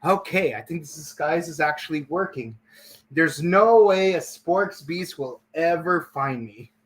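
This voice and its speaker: Man as an armored villain faking human: loud, stiff, overly formal. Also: on the high side, lively intonation, unhurried. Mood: sneaky, awkward. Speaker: fan podcast host.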